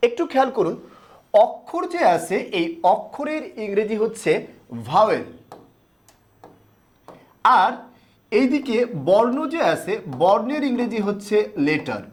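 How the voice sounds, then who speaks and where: A man with a high voice teaches a grammar lesson to camera. He moves step by step, asking his viewers questions and then answering them himself. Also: big pitch swings, measured pace, pauses often, darkish tone, faint music behind.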